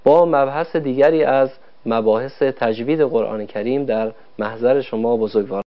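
A man teaching Quran recitation rules in a formal televised lesson, polite and explaining step by step with questions to viewers. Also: medium pitch. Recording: dull lo-fi broadcast audio.

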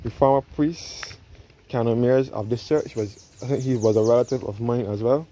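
Speaking at medium pitch with fairly even intonation and a moderate, mellow delivery, a male travel vlogger narrates a casual outdoor tour of a clifftop churchyard. He tends to repeat and reword his phrases, and his self-held phone camera yields dull, noisy lo-fi audio.

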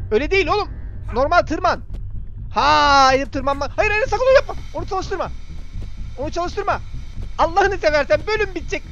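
A man's voice: very high-pitched, a bit bright, dull audio. A young man giving casual gameplay commentary, chatting to the game character and to viewers. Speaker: gaming YouTuber.

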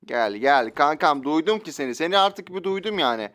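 A young man giving loud, joking commentary while playing a shooter game, often shouting out at sudden moments. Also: on the high side, lively intonation, brisk. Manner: loud outbursts, joking, slangy. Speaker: gaming YouTuber. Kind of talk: excited gameplay commentary. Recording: faint game sounds and gunfire.

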